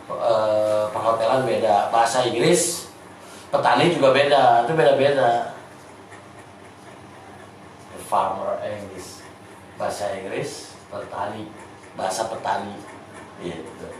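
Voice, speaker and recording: A man with a Sundanese accent teaching an informal class, chatty and halting, often repeating words. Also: lowish voice. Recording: echoey room, distant mic, faint noise.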